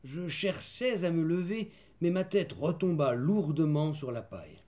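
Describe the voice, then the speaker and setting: A man narrating a children's storybook in the first person, measured and gentle. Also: a little high, expressive. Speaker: audiobook narrator.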